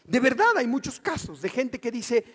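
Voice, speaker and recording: A middle-aged man with a Mexican Spanish accent preaching a sermon as pastor, animated and acting out the voices he quotes. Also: very high voice, normal speed. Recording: church hall reverb.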